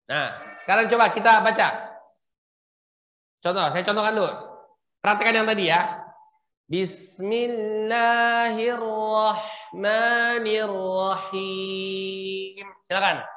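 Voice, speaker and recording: A man teaching Quran recitation rules to a class of women, patiently prompting them and demonstrating slow, drawn-out recitation. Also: sits high, bright, forceful tone. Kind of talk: tajwid lesson for women. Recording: echoey room.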